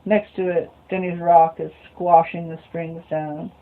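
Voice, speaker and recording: Over a phone-like lo-fi recording, a woman reads a novel aloud as a storyteller in a fairly low, flat, unhurried voice. Between passages she mutters short asides to herself.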